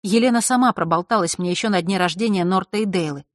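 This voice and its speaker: A man voicing a stubborn, quick-tempered teenage girl in an audiobook, talking in a raised, indignant voice. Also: high-pitched, a bit bright, no echo, studio quality. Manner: indignant, defensive.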